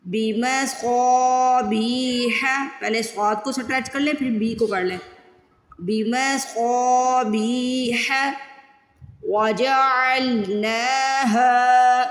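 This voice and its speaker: A woman teaching Quran recitation, chanting words slowly and drawn out between quick explanations. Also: fairly high pitch. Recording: echoey room with long reverb.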